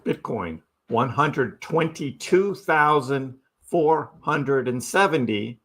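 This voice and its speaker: A man's voice: mid-range voice, lively intonation, slow pace, a bit bright. A man hosting a live crypto stream, giving casual chart commentary and asking his audience rhetorical questions. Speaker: crypto livestream host.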